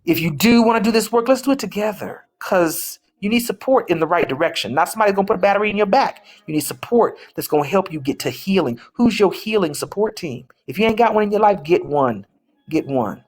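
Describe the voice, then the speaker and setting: A woman's voice: medium pitch, animated, a little fast, a little mellow. A woman healing coach hosting a live stream, talking casually and emphatically, with colloquial phrasing and repeated key phrases.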